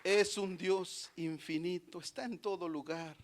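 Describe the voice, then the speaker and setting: High-voiced, slow-preaching pastor. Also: male voice, steady tone, background noise. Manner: preaching with sudden loud swells and soft drops, tag questions and amens. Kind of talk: Pentecostal sermon. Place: church.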